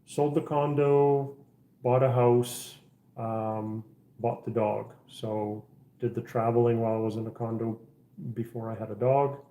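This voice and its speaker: A man's voice: mid-range voice, fairly even intonation, measured pace, warm tone, reverberant. A middle-aged man from the Czech Republic hosting a casual livestream chat, rambling with lots of fillers and restarts. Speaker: livestream host. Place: house interior.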